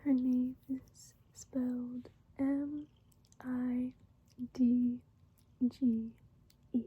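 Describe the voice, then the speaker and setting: Whispering young woman, soft ASMR chat. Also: sits high, flat delivery, breathy edge, no echo, phone-quality sound. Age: 20s. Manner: whispered, unhurried and giggly. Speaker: ASMR creator.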